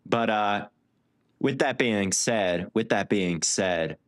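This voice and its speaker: A man co-hosting a casual sports podcast, walking through stats with lively analysis. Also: fairly low pitch, slow pace, no room sound, clean studio sound. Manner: stat-heavy, animated analysis. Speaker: podcast co-host.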